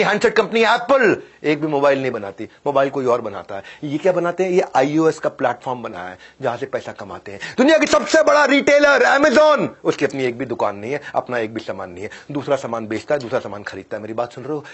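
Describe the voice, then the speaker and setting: A man giving a motivational business lecture, emphatic and repetitive, swinging from loud declarations to low, dropped phrases and often telling the listeners to listen. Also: slightly rough. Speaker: business coach.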